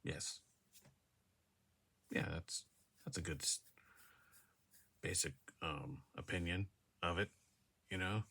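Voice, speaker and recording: A man with a very low but bright, edgy voice talks slowly to his device's camera from a room indoors. He rambles, hesitates and restarts with plenty of fillers. He often laughs at himself as he goes. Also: slightly rough. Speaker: vlogger. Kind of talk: casual monologue to camera. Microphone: device camera mic.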